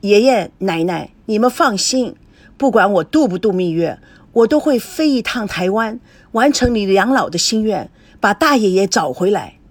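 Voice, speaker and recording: Young man, a grandson in an audiobook, a woman reading him, light and casual, husky mid-range voice. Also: medium pitch, lively intonation, moderate pace, no echo, lightly acted. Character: young grandson, newlywed man, evasive and kind.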